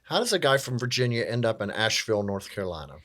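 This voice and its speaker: A man's voice: on the low side, sing-song, fast talker, a bit bright. Friendly male interview host. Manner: friendly, encouraging questions. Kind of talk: interview hosting.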